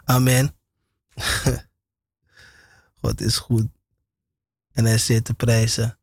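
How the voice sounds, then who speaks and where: A man delivers a casual radio sermon at a mid-range pitch, circling back over the same phrases and scattering amens and chuckles. His voice is close and dry, with no room sound around it. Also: completely flat delivery, drawn-out words, creaky, slightly rough, no room sound. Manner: repeats phrases, many amens and laughs. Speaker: radio preacher.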